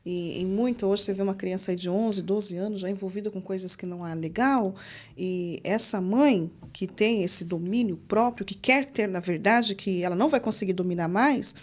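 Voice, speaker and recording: A woman's voice: mid-range voice, normal speed. A woman missionary with a Brazilian Portuguese accent, hosting a faith-based interview, giving short affirmations and then talking in longer turns. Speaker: missionary, show host.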